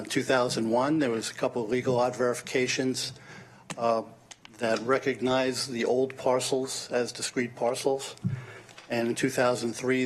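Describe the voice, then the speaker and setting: A man giving formal testimony at a county hearing, measured and hesitant with frequent fillers, heard through a hearing-room recording at the podium microphone. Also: medium pitch, a little hiss or hum, low-quality recording. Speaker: land use consultant testifying at hearing.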